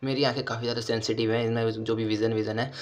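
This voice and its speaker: A man reading as a flat, emotionless robot wife. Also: mid-range voice, very fast, close to an everyday voice. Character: emotionless female robot wife, calm and literal.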